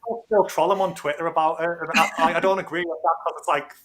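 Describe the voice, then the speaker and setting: A man's voice: fairly high pitch, fairly even intonation, fast, a bit bright, slight background noise. A man chatting casually as a guest on a livestream call, informal and slangy, talking like he is among mates. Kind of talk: casual chat. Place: remote video or voice call.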